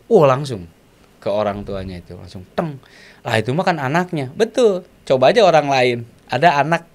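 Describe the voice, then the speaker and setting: Animated man, tinge. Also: mid-range voice, normal speed. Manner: animated, searching for words with many fillers. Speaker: guest speaker. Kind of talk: explaining in a conversational interview.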